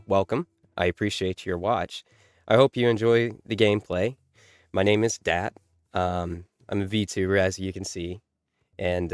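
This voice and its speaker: Low smooth-voiced tired man chatting. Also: no echo. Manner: rambling, laid-back, hesitant. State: tired, just woke up. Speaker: VTuber gaming commentator. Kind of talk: casual chat to viewers. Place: at home.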